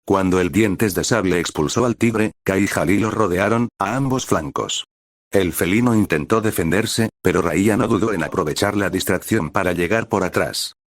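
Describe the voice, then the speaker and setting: A man narrating a fantasy adventure story in a steady, measured reading. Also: low-pitched, dry recording, clean studio sound.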